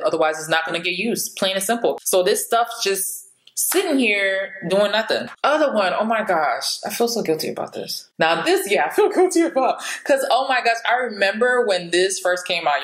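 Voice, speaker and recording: A woman's voice: lowish voice, roomy sound, rough recording. A woman in her late thirties chatting frankly to camera as a beauty vlogger, laughing now and then. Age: 30s. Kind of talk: casual chat to camera.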